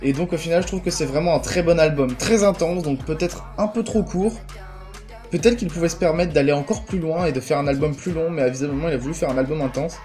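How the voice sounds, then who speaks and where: A man's voice: a little high, fast, a little mellow, faint music behind. Chatty young man reviewing an album. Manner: chatty, enthusiastic, many "euh" fillers. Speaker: music reviewer, channel host. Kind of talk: casual spoken album review.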